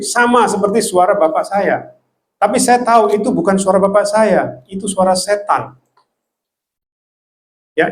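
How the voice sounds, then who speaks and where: A man preaching a devotional sermon in an earnest way, repeating key phrases for emphasis and getting louder when he scolds. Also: sits high, poor audio.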